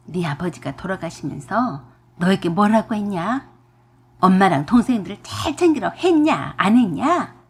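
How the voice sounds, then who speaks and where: A woman's voice: medium pitch, breathy edge, heavily acted. Woman doing a pushy, scolding old mother-in-law. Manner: demanding, scolding, shouting.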